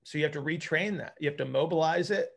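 This middle-aged man, hosting a group video call from home as a coach and physical therapist, thinks aloud and repeats words while informally explaining technical ideas. He talks fast in a high-ish, creaky voice with a fairly bright tone.

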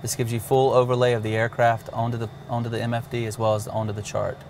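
The man's mid-range voice has a darkish tone and a level delivery, and he talks fast over a little hiss or hum. Acting as an avionics demonstrator, he casually shows a cockpit navigation system step by step, plainly and with occasional fillers.

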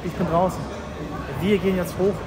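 A man's voice: high voice, flat delivery, fairly quick, loud music behind the voice. A man in his thirties from Tajikistan, chatting casually to viewers as he walks through a city square and station at night, with the camera held at arm's length. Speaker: vlogger. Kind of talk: street walking vlog commentary. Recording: loud city street noise.

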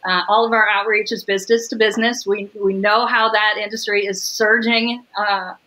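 A middle-aged woman talking upbeat and fast on a video call, laughing easily as she explains her business. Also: mid-range voice, level tone, pushed and bright, rough recording. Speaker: catering sales executive, guest. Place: home room with windows.

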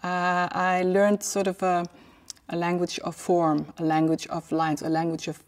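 A middle-aged woman speaks slowly and thoughtfully, pausing often as she hunts for the right word. Her voice sits a little low. She is giving a documentary interview in a large indoor hall. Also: little pitch movement. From Iceland. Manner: reflective, searching for words with many pauses.

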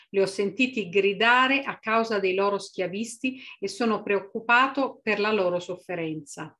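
A woman's voice: medium pitch, fairly bright tone. A woman interpreting a sermon phrase by phrase, with small restarts.

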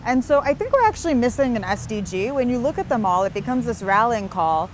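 A woman's voice: fairly high pitch, big pitch swings, fairly quick, slight background noise. A young woman being interviewed outdoors on a busy street, talking earnestly and at length, with frequent restarts. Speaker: interview guest.

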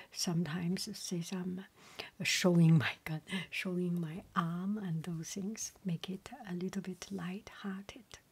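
A middle-aged woman whispering a casual ASMR chat as a home cook, halting and often repeating herself in a breathy voice. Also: medium pitch. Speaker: home cook and video creator.

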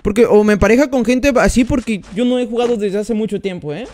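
A man's voice: high voice, fast, a little mellow. A man commenting on his mobile gameplay during a live stream, chatting and greeting each viewer by name as he plays. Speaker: gaming streamer.

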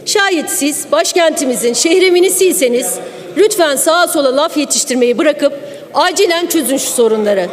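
A woman politician speaks into a rostrum microphone with a high voice, declaiming and accusing, pushing up to shouts at times. Her voice rings out with the long reverb of a big assembly hall. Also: expressive, moderate pace. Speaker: member of parliament. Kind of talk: parliamentary speech. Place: parliament chamber.

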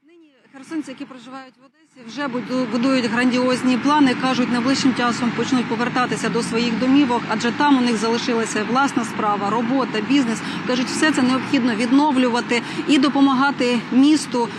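Fast-talking woman reporting live outdoors. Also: a little high, fairly even intonation. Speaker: field reporter. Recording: street noise behind. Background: traffic and street noise.

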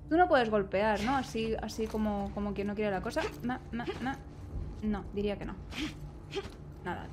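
Playing a video game for a let's play, a young female streamer reacts nervously, exclaiming and addressing the characters directly. Her voice is somewhat high and a little mellow, with a slight hiss or hum in the recording.

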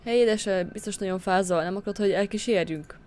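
A woman's voice: mid-range voice, darkish tone, no room sound, natural voice. Leering drunk young men from a story game press their company on someone, their politeness slimy and fake. A woman reads them out plainly, in her own voice, with little change. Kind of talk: reading game dialogue aloud.

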